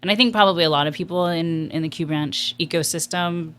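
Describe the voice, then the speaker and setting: The guest here is a woman who heads a nonprofit, and her voice is on the low side and a bit bright. She talks briskly while answering interview questions, earnest, reflective and frank throughout.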